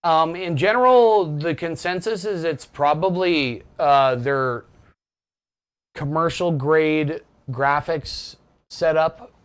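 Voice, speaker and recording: A man co-hosting a casual gaming news podcast, his voice sitting a little high. He gets excitable, swears freely and breaks into loud rants. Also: slow, smooth. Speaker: podcast co-host. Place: home.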